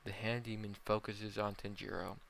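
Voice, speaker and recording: A young man narrating a fan-fiction story in a plain, slightly halting reading. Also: fairly low pitch, flat delivery, gravelly, fairly bright tone, a little hiss or hum, rough recording.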